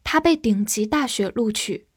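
A woman whose first language is Chinese, teaching English vocabulary, patiently spelling words letter by letter and leading slow read-alongs. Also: a little high, lively intonation, breathy edge, no echo, studio quality.

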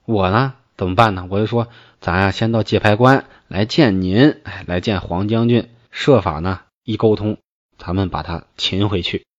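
A man reading a classical novel aloud and explaining it in colloquial speech, with lively, folksy asides. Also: on the low side, normal speed, no echo. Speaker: storyteller. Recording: dull, dry lo-fi recording.

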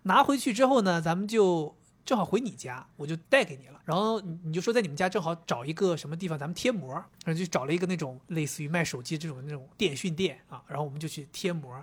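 Fast-talking husky man telling stories. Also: a little high. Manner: animated storyteller, acts out dialogue. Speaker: podcast co-host. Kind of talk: casual chat.

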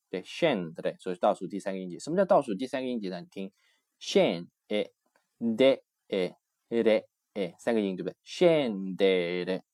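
A man explaining a textbook lesson as a language teacher, in a loose, conversational way with many fillers, slowly repeating words to drill pronunciation. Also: sits low, darkish tone, no room sound, clean studio sound.

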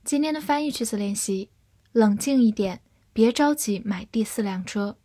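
A woman teaching English vocabulary in a scripted lesson, explaining each word clearly and reading example sentences aloud slowly. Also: a little high, dark tone. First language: Chinese. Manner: clear, measured explanations with slow read-alouds.

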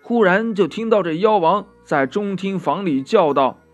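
A man narrating a children's story in a lively storytelling manner, drawing out the ends of his phrases. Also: high voice, moderate pace. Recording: faint music behind.

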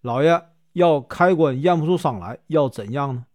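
A cunning middle-aged murderer, voiced by a man in a storybook telling, pleading and evasive. His Northeastern Mandarin lilts up and down lively, recorded dry and close. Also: on the high side, normal speed, dry recording, lightly acted. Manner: pleading, confessing in a long run.

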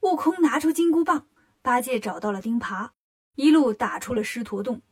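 A woman narrating a children's story in a lively, expressive way. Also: a little high, normal speed, breathy edge.

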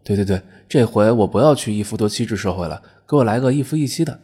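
A foolish modern man in a comic audio story, voiced by a male narrator pleads in a whiny, desperate way. His voice is lowish and husky. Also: animated, quick pace, mellow. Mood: pleading.

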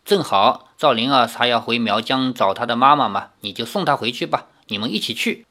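A man's voice: mid-range voice, expressive, fairly quick, sharp tone. A man reading a novel aloud as an audiobook, telling the story expressively. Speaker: narrator.

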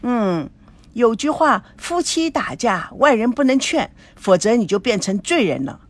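Woman reading a romance novel out loud, bouncy expressive voice, higher pitched. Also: a little slow. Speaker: narrator.

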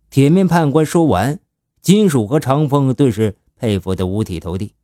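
A man narrating a serialized crime story in an animated, folksy way. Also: lowish voice, no echo, studio quality.

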